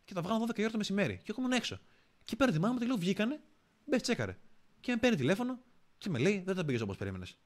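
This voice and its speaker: A young man, a podcast guest, telling stories in a casual, slangy, animated way. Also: high voice. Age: young adult. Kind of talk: casual storytelling chat.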